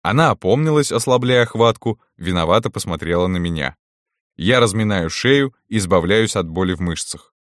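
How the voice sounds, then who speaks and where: A man reading a first-person romance story aloud in a calm, intimate storytelling manner. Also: low voice, moderate pace, no echo, clean studio sound. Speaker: audiobook narrator.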